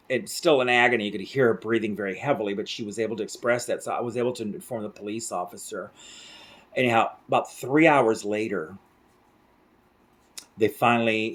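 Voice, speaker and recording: Recorded at night in a small room, close to the mic, a man with a fairly low, breathy-edged voice chats to the camera. He's a middle-aged interpreter and vlogger from rural central Mexico, and his casual storytelling rambles with fillers and restarts.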